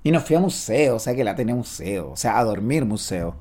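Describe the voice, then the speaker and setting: A man's voice: lowish voice, very animated, a little fast, warm tone. A young man with a Chilean accent, joking and boasting in slangy improvised comedy banter. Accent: Chilean Spanish. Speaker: comedy cast member.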